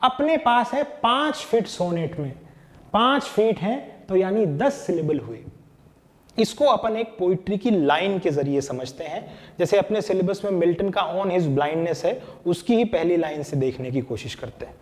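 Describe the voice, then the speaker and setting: A male teacher walks through a poetry lesson with a fairly high voice. He speaks slowly and counts out each syllable and beat in turn. His delivery stays patient and steady. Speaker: literature teacher.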